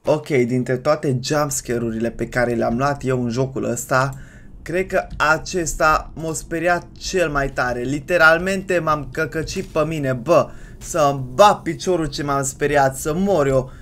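A gaming YouTuber commenting on a horror game, excitable and slangy, yelling at jump scares and taunting the game character. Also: medium pitch, a little hiss or hum. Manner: excitable, yells and shrieks at scares, slangy banter to viewers.

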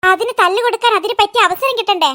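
Lady doing a sensible worried cartoon girl, super high bright voice. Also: fast talker. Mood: earnest worried. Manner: earnest, questioning. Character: sensible young girl, worried older sister. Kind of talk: cartoon voice acting.

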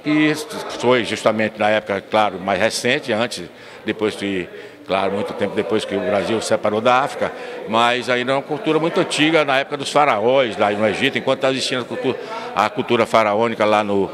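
This is a recorded interview in a municipal council chamber, where an older guest from São Miguel das Matas, Bahia, Brazil, speaks briskly in a fairly low voice amid crowd noise. He is an earnest storyteller recounting local history at length, sometimes restarting words, into a handheld mic held by the interviewer.

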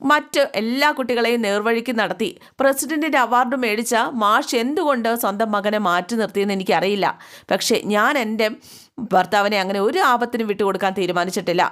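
A woman's voice: medium pitch, fairly quick, a bit bright, close to an everyday voice. A woman reading the lines of a firm, determined young wife who stands up to her father-in-law. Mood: resolute. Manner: firm, resolute.

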